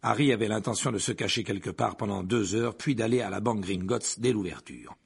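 A man reading a story aloud as an audiobook narrator, with an expressive, varied delivery. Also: on the low side, brisk, creaky, slightly rough.

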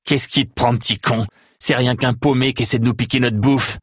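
A man's voice: deep voice, brisk, fairly bright tone, husky, no echo, studio quality, heavily acted. A man doing a sneering, crude brute of a thug. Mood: sneering menace. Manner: sneering, spitting insults. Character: brutal crude male thug with trident.

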